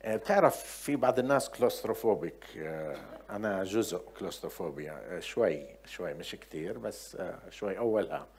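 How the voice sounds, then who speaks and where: A middle-aged man with a Levantine Arabic accent preaching a sermon, telling chatty personal anecdotes and swinging from quiet asides to loud, emphatic points. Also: sits low, animated, fast talker, husky.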